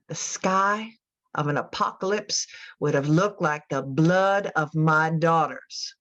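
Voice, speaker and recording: Taking the role of a haunted Southern mother, a woman performs a radio drama confession monologue in an intense, folksy, deliberate manner. She speaks with a lowish voice, and the recording has its highs cut off.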